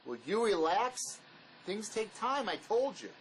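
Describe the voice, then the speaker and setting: In an audio drama, a man plays a pragmatic fugitive ex-convict who is terse, bossy and dismissive, sounding defensive and irritated. His high, very animated voice is somewhat bright and heavily acted, at a measured pace with widely swinging intonation. The audio is poor, with faint noise behind him.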